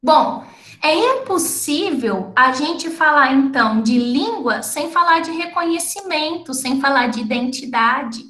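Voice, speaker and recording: A high-voiced, animated woman lectures teachers at a measured pace, her tone fairly bright in an echoey room. She is a lecturer and researcher, an adult with completed schooling who isn't from the event's city, and she explains things step by step while often checking in with tag questions.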